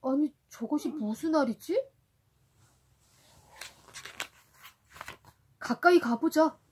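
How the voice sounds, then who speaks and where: A woman voicing a bold, excitable male sailor adventurer, dramatic and exclamatory, while reading a storybook to a toddler. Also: sits high, moderate pace, a little hiss or hum, pitched above the performer's own voice. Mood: curious.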